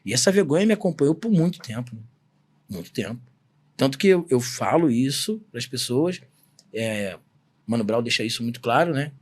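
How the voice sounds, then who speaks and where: A Brazilian samba singer-songwriter in his forties shares a personal story as a guest on a podcast, sounding earnest and emphatic. His medium-pitched, darkish voice is expressive and moves at a normal speed.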